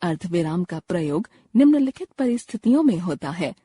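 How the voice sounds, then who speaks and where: A woman reading a grammar textbook lesson aloud, slow and explanatory. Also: fairly low pitch, very animated, dark tone, husky, dry recording. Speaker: textbook narrator.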